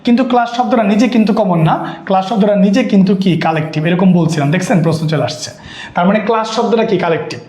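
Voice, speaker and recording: A man's voice: sits high, racing, a little mellow, roomy sound. A man teaching a live online exam-prep class, who repeats himself and keeps quizzing his students. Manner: repetitive, questioning students constantly. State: sweaty and worn out.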